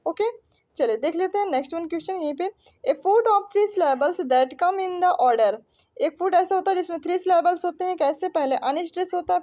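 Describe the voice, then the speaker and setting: A young Indian woman with a very high yet mellow voice teaches an exam-prep English lesson. She reads each question slowly, then keeps asking and answering her own questions. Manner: reads questions slowly, then explains in Hindi with repeated quiz-like questions.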